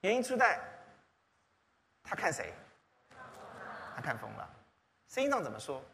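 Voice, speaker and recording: A man's voice: a little high, unhurried, vocal fry, slight background noise. A man preaching a sermon as pastor, often asking the congregation questions. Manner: animated, rhetorical questions to the congregation. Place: church hall. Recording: long hall reverb.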